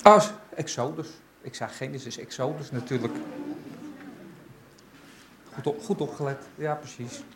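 Halting man giving a church talk. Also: medium pitch, rough recording. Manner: halting and unsure, searching for words. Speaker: lay speaker at a church Bible study. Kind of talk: informal church talk with Bible reading. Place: in front of a church gathering.

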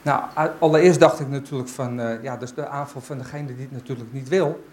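Halting man giving a church talk. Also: medium pitch, fairly even intonation, a little mellow, slight background noise, low-quality recording. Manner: halting and unsure, searching for words. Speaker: lay speaker at a church Bible study. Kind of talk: informal church talk with Bible reading. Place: in front of a church gathering.

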